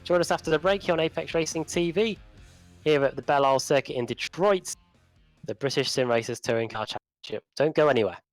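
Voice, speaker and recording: A man's voice: a little high, brisk, no room sound. A man presenting a race preview for a broadcast as a motorsport presenter. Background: faint guitar music.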